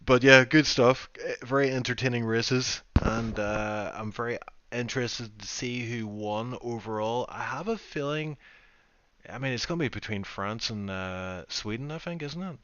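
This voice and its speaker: In dull lo-fi stream audio that's also dry, a UK host of a racing league stream rambles chattily through post-race talk and jokes at his own expense. His pitch is medium, slightly bright, and his pace normal.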